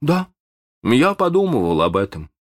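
A man voicing an earnest young boy in an audiobook, his pitch raised high. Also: sing-song, a little slow, no echo, clean studio sound. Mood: eager. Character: earnest young boy, brave but hesitant.

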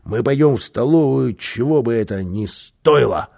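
A man voicing Karlsson, a boastful, mischievous little man who talks loudly and bosses others around in a storybook reading. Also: mid-range voice, moderate pace, creaky. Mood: boisterous. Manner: loud, excitable, commanding.

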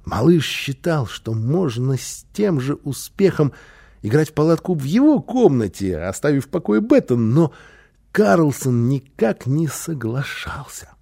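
A man's voice: fairly high pitch, big pitch swings, measured pace, gravelly, warm tone, slightly rough. A man reading a children's story aloud, dramatic, sometimes dropping to a near whisper for suspense. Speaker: audiobook narrator. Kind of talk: expressive storybook narration.

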